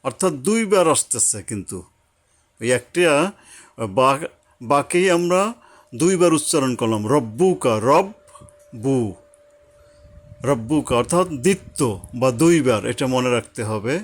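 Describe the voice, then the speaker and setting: A man teaching Quran reading step by step, patiently repeating points and slowly sounding out each syllable. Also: medium pitch, lively intonation. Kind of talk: step-by-step recitation lesson.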